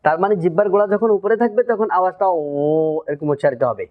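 A man's voice: high-pitched, animated. Man teaching Quran pronunciation, lo-fi sound. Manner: explains step by step, drills letter sounds slowly.

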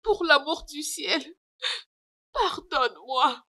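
A proud wife brought low, begging her husband to take her back. Her voice sits high and bright, and she pleads slowly between sobs. It is a French dub of a film. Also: animated, exaggerated voice. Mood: pleading. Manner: pleading, sobbing. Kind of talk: French-dubbed film acting.

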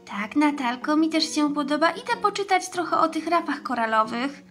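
A woman voicing a caring, cheerful older girl in a children's doll story, speaking gently and clearly. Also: high-pitched, lively intonation, moderate pace. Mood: chatty. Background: background music.

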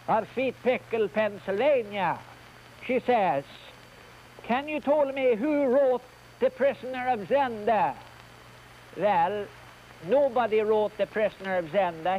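A man playing a bumbling, boastful Swedish answer man with a mock Swedish accent and broken grammar, delivering jokes slowly on an old TV show. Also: high voice, slight background noise. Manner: slow, deliberate joke delivery with broken grammar. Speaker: children's TV entertainer. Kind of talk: comic question-and-answer routine. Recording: dull old TV recording with music.

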